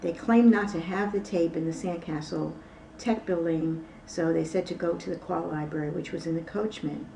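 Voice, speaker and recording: Gravelly low woman rambling thru a story, lots of ums, a bit far from the mic. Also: fairly even intonation, normal speed, mellow, slight background noise. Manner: rambling, with many fillers and asides. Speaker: interview guest. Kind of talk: casual storytelling.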